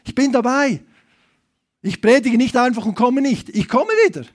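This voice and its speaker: Male evangelist, high voice, emphatic sermon, direct questions to the crowd, loud appeals and quiet asides. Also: normal speed. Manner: asks the audience questions directly. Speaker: evangelist preacher. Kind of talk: lively sermon to a congregation.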